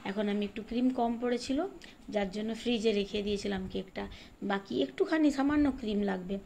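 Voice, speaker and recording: A middle-aged woman from Bengal chatting in a rambling way while she bakes in her home kitchen, sometimes speaking softly. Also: mid-range voice, brisk, vocal fry. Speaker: home cooking vlogger. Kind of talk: casual chat while baking. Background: fan hum and rain outside.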